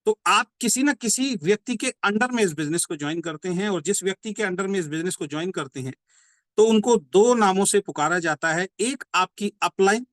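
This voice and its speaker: A man giving a motivational business training talk. He explains by repeating points and asking rhetorical questions, and says key slogans slowly. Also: high voice, fairly bright tone, no room sound. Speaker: network marketing trainer.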